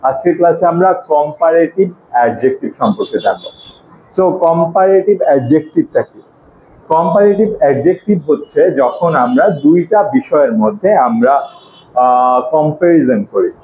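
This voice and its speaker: বাংলাদেশি উচ্চারণের একজন পুরুষ শিক্ষক, নৈমিত্তিক ক্লাসের ঢঙে অনেক উদাহরণ দিয়ে ব্যাখ্যা করছেন।. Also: male voice, a little high, normal speed, slight background noise. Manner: lively, explaining with many examples. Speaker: English teacher. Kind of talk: casual classroom lesson. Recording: echoey room, tinny phone-like sound.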